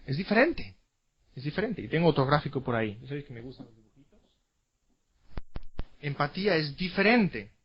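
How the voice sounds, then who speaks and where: A man's voice: mid-range voice, muffled recording. A man teaching a classroom lecture, emphatic, repeating key words and asking rhetorical questions.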